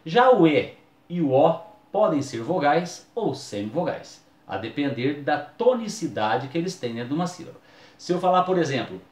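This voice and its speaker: A man's voice: a little high, big pitch swings, moderate pace, darkish tone, roomy sound. A man, teaching a video lesson and drawing out key words for emphasis.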